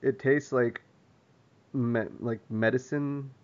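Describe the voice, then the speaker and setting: Male co-host, easygoing and cussing, mid-low voice, muffled podcast audio. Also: steady tone, slow. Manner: laid-back, laughs easily, swears. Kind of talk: casual chat.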